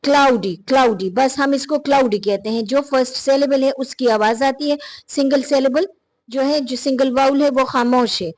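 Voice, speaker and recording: A woman's voice: sits high, steady tone, normal speed, a little mellow. A woman teaching an English phonology lesson, patiently repeating and spelling out words letter by letter.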